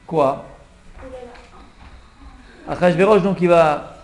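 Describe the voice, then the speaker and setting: A man, a rabbi, giving a lively Purim Torah class and acting out the king's pleading for a small audience. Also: on the high side, drawn-out words. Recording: echoey room, faint background hum.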